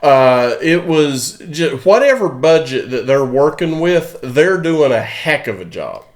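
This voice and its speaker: A man co-hosts a music video reaction in a relaxed, rambling way, full of fillers and restarts. His voice sounds slightly hoarse. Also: a little high, unhurried. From Florida, USA. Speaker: co-host of a music reaction channel. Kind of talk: casual reaction chat.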